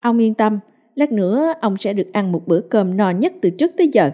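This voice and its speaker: A woman voicing a brisk, cheerful village boy. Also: medium pitch, expressive, dark tone, lightly acted.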